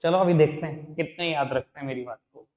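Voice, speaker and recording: A man teaching accountancy in a classroom lecture. He dictates entries slowly, mixes English terms with an Indian accent, and coaxes his students as beta and babu. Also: a little high, darkish tone. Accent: Indian English mixed into Hindi. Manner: addresses students as beta and babu, coaxing and repetitive.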